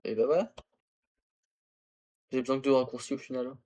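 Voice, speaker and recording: A tired young man streams a game in a casual livestream chat, rambling to his viewers and talking to himself with lots of fillers and laughs. His medium-pitched voice is warm and steady at normal speed, and he uses a phone as his camera and mic.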